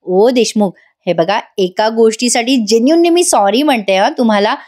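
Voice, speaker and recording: A woman's voice: a little high, normal speed, a little mellow, close to an everyday voice. Playful young wife, as a woman puts her on. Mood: teasing. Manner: teasing, coaxing.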